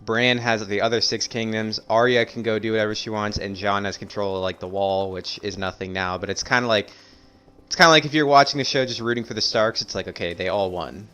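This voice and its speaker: A man's voice: fairly low pitch, fairly even intonation, a little fast, fairly bright tone, smooth. A man co-commentating a video game casually, laid-back and agreeable. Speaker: gameplay co-commentator. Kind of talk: casual let's-play commentary.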